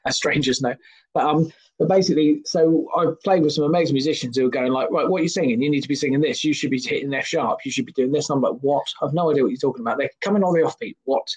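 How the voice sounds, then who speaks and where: Poor audio captures a man's husky, darkish voice, a little high and fast. In his thirties and working as a singer and comedian, he's a podcast guest who rambles casually, joking at his own expense.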